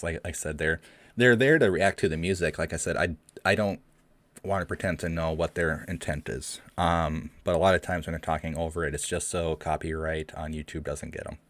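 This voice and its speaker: An extremely deep-voiced young man hosts a livestream Q&A, chatting casually with viewers in a rambling way, saying "um" a lot and restarting sentences. Recorded close and dry on a home streaming mic with no echo, his voice shakes a little from the cold room he's in.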